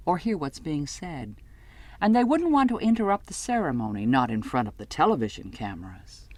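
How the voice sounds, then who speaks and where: A woman with a very deep voice narrates scripted first-person literary fiction like an audiobook reader. Her phrasing is measured and dramatic, and there's no echo.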